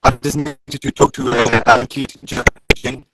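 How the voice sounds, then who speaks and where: A man calling into a meeting whose call audio keeps breaking up badly. He repeats himself, halting, to get through. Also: mid-range voice, level tone, heavy background noise. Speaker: caller to a public meeting. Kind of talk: speaking over an online call.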